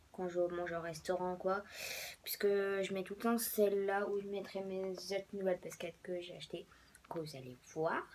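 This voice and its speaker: A hoarse young woman, a bit sick, rambling casually about her sneakers with many fillers and drops to a whisper. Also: medium pitch, a little hiss or hum. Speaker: vlogger. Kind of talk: casual sneaker show-and-tell.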